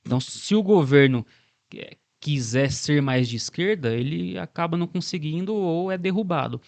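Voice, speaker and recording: A man's voice: fairly high pitch, moderate pace, gravelly, a little mellow, no room sound. Brazilian man reasoning aloud, dry sound. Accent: Brazilian Portuguese. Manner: reflective, builds long arguments, tags remarks with "né?". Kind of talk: political discussion.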